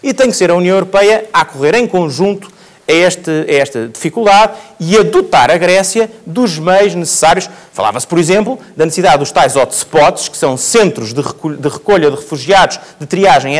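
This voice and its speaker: A man speaking at a public debate, arguing his points and hammering them home by repeating them. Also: sits high. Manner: argumentative, builds points by repetition. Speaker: panel speaker. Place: theatre stage.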